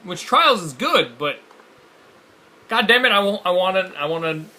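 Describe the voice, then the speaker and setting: A man with a slightly raised pitch and a very bright, cutting tone gives blunt, sarcastic takes in casual chat. He swears and stammers through false starts. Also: animated, normal speed. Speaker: co-host. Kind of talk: casual game-showcase reaction chat.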